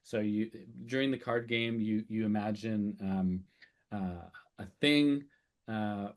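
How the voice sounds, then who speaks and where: Casual male presenter, slightly low voice, hesitant and conversational delivery, for a festival talk. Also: takes it slowly. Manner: loose and conversational, with many "um"s and "uh"s. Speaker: speaker and sessional lecturer. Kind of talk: conference talk.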